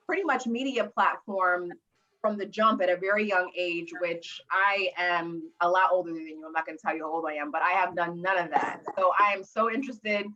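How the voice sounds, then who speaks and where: A woman's voice: mid-range voice, fairly bright tone. A woman hosting a show over a video call, chatty and upbeat as she introduces her guest. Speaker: host. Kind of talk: casual interview. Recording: dull lo-fi call audio.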